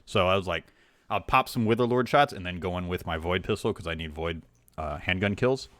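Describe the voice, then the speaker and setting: A man co-hosting a gaming podcast, telling stories in a relaxed way with quick bursts when excited. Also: sits low, no echo, clean studio sound. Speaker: podcast co-host. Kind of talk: casual gaming chat.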